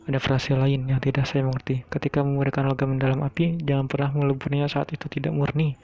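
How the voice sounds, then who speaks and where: A man reading the lines of a proud, scheming young woman teacher in a flat, gravelly voice. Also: mid-range voice, quick pace, natural voice. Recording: dull lo-fi recording.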